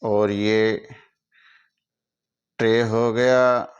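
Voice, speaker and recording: A man's voice: lowish voice, flat delivery, drawn-out words, clean tone, highs cut off. A male teacher with a Hindi accent explaining things to students, spelling out English words one letter at a time.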